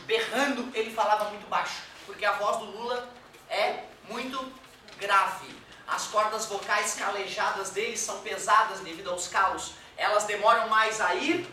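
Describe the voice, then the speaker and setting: A man lectures a class in a fairly high, bright voice, cracking jokes and dropping swear words between the explanations. He is recorded from a distance in a very echoey room. Faint room noise sits under his voice. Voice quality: joking, colloquial, drops swear words, acts out quoted voices. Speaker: physics teacher. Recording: very echoey room, mic far off.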